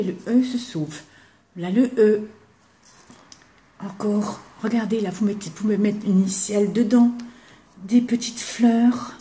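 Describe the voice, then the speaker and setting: An older woman chatting casually to the camera as she shows her craft gifts, now and then dropping to a whisper as she admires them. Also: fairly high pitch. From eastern France. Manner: chatty, warm, drops to a whisper when admiring things. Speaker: craft vlogger.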